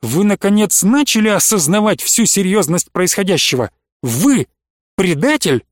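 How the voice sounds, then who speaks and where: A man voicing a calm, firm male army major who speaks in a measured, steady way. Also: high voice, dry recording, clean studio sound. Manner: measured, steady, stern when pressed.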